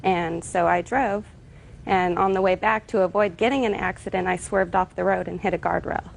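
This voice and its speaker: A woman's voice: fairly low pitch, fairly even intonation, normal speed, gravelly, low-quality recording. Hesitant American woman giving testimony. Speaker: plaintiff in TV small-claims court. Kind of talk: courtroom testimony. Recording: TV courtroom with faint noise.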